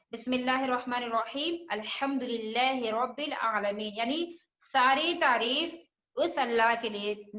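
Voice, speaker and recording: A woman's voice: high-pitched, sharp tone, reverberant. A woman teaching children Quran recitation, patiently repeating each letter sound and asking questions as she goes. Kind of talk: religious lesson for children.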